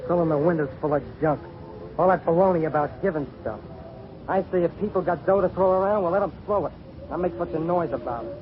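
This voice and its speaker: Man as a sullen, higher-voiced tough street boy. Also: fast talker, crowd noise, lightly acted. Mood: surly. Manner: curt, slangy, surly. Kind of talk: old-time radio drama acting. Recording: muffled, noisy old radio recording.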